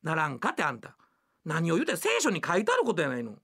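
A woman's voice: deep voice, wildly swooping pitch, quick pace, a bit bright, breathy edge, voice pushed down, heavily acted. A woman voicing a bossy, devout housewife with a Kansai accent, scolding her husband in a rakugo telling. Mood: impatient. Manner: scolding, nagging. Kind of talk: rakugo storytelling.

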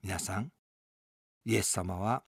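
A man's voice: low voice, slow, breathy edge, no echo. A man, a pastor, delivering an earnest, emphatic radio sermon from a studio.

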